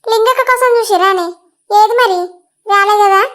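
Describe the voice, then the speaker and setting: A woman's voice: extremely high pitch, normal speed, fairly bright tone. A woman voicing an impatient, complaining village farm owner with a Telangana accent. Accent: Telangana Telugu.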